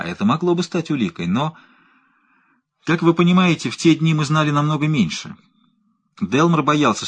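A man's voice: mid-range voice, breathy edge. A man reading the part of a methodical male scientist who explains things patiently, in an audiobook. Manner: methodical, lecturing.

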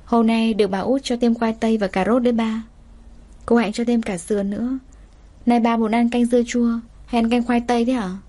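A woman voicing a poor, gentle thirteen-year-old girl who talks politely and pleads through sobs. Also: a little high, steady tone, a little fast, natural voice. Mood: gentle chatter. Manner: polite, pleading, sobbing cries.

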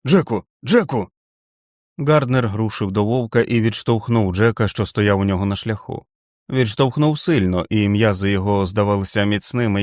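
A man narrating an audiobook in a steady, dramatic reading. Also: lowish voice, no room sound, clean studio sound.

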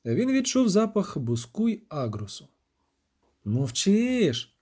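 Expressive male audiobook narrator. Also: on the high side, normal speed. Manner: dramatic, expressive reading. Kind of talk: scripted narration.

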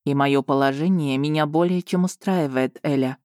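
A woman voicing a smug, teasing young male duke in an audiobook, speaking in a lowered, self-assured drawl. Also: normal speed, darkish tone, no room sound, studio quality, lightly acted. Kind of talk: audiobook character voice.

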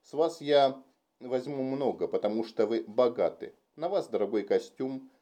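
A frank, childlike young forger girl of nineteen, played by a man reading an audiobook. She speaks plainly, with a soft, dark, mellow tone. Her questions come out blunt and a little naive. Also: mid-range voice, animated, moderate pace, lightly acted. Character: blunt 19-year-old girl document forger.

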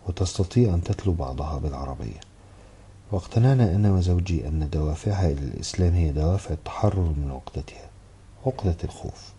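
Deep-voiced man reading a novel quickly. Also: slight background noise. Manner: steady, measured literary reading. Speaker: audiobook narrator. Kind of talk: first-person novel narration.

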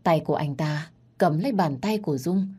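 Low husky woman storyteller. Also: moderate pace. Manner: rises loud and high for quarrels and cries. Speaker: storyteller narrating all parts. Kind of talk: dramatic audio story narration.

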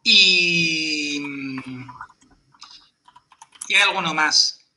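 A man's voice: a little high, fairly even intonation, extremely slow, bright, forceful tone. A man explaining pronunciation rules step by step in a patient teaching chat, checking in with his listener. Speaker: podcast presenter teaching Elvish pronunciation.

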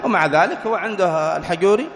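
Fast animated man preaching in a hall. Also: high-pitched. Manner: animated, rhetorical questions answered himself. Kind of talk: religious lecture.

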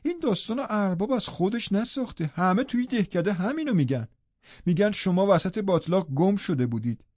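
A gossipy village housekeeper woman chatters away in a raised, high voice, as a male narrator puts her on. The tone stays dark and mellow under the pitch, recorded dry and slightly dull in this storybook reading. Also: expressive, no echo. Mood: chatty.

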